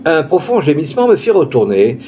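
A man reading a classic story aloud in an expressive literary style, with dramatic emphasis. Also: fairly quick, muffled recording, a little hiss or hum. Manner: dramatic, shifting pitch for emphasis.

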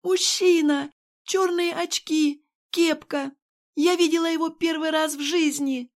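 Storybook role: a woman voicing a hoarse, panicked young nurse, pitched high. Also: normal speed, sharp tone. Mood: pleading, terrified.

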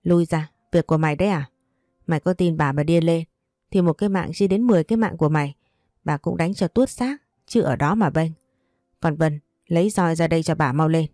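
A harsh, domineering mother-in-law rains down scolding at speed, put on by a woman narrator. The voice is low and mellow, and the sound is dry and close. She is bossy, insulting and unrelenting. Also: a little fast, no room sound, faint music behind, natural voice. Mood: furious.

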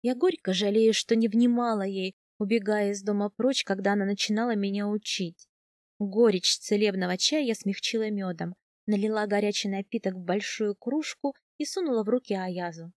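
A woman narrating a first-person audiobook in a calm, even storytelling manner. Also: mid-range voice, normal speed, no echo, clean studio sound.

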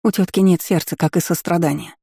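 A woman's voice: fairly low pitch, steady tone, brisk, creaky, warm tone, breathy edge, no echo, clean studio sound. A woman voicing a timid, tearful young maid who pleads anxiously with her mistress in an audiobook. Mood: pleading, tearful.

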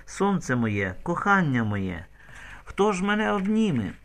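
A man's voice: a little high, animated, normal speed, fairly bright tone, pitched above the performer's own voice. A man voicing a young village woman in love, pleading in a feverish, tearful way. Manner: feverish, pleading whisper-sobbing.

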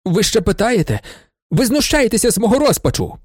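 A man doing a shrill melodramatic swindler. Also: animated, normal speed, warm tone, no room sound, studio quality. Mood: pleading. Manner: agitated, high-pitched, melodramatic. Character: overwrought male swindler, middle-aged, theatrical, pleading.

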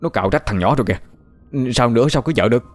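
A man voicing a blunt, rough middle-aged man who talks urgently and stammers when scared. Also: mid-range voice, animated, racing, soft background music, lightly acted.

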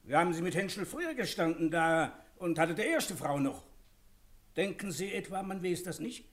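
An actor playing a blunt, stubborn horse dealer who scolds insistently, in a 1960s radio play. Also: male voice, high voice, expressive, normal speed, fairly bright tone. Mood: reproachful. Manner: reproachful, insistent.

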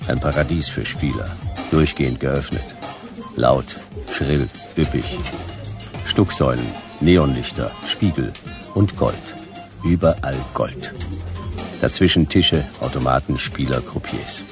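In a noir radio play, a man with a bass voice plays a hard-boiled private detective, dry and wry, narrating at a measured pace over background music. His delivery is laconic and sardonic, built from clipped sentences.

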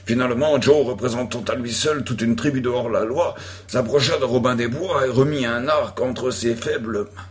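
A man reading an audiobook aloud in a deliberate, expressive manner. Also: mid-range voice. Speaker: audiobook reader. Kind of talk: audiobook narration.

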